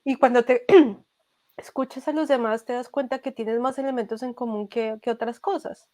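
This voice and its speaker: A young Colombian woman giving a casual interview, speaking thoughtfully and pausing often with fillers and restarts. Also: a little high, steady tone, darkish tone, no room sound. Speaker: podcast creator, interview guest.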